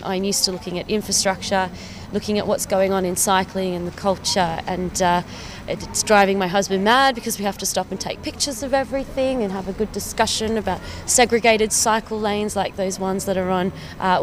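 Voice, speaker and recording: An Australian woman in her thirties speaks in a chatty, enthusiastic way, often slipping in little laughs. Her voice sits at an ordinary middle pitch. Faint city traffic can be heard behind her outdoors. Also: fairly even intonation, normal speed. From Perth, Western Australia. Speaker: cycling campaign officer. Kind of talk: casual personal account to camera.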